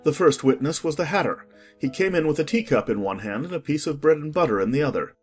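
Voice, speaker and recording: A man narrating a dramatized audiobook with expressive storytelling. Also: on the high side, fast, slightly rough, soft background music.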